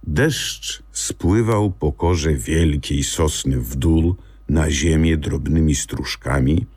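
Male storyteller for kids' audiobook, deep husky voice, slow and animated. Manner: expressive, storytelling lilt. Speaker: audiobook narrator, actor. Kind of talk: scripted storybook narration.

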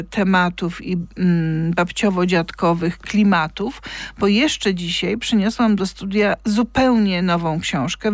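A woman's voice: mid-range voice, dry recording. A woman presenting in a radio studio, talking casually and hesitantly with many fillers.

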